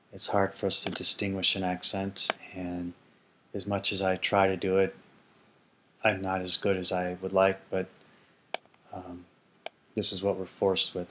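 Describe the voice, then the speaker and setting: Male Greek tutor, deep monotone, slow, hesitant with ums, repeats forms aloud. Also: a little hiss or hum. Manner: slow, careful, repeats words to model pronunciation; hesitant with frequent ums and restarts. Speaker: ancient Greek teacher. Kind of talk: explanatory grammar lesson.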